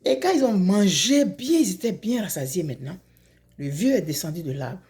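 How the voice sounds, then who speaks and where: A woman from Côte d'Ivoire telling a folk tale aloud in a lively, repetitive manner, often dropping to low asides. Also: moderate pace. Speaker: storyteller.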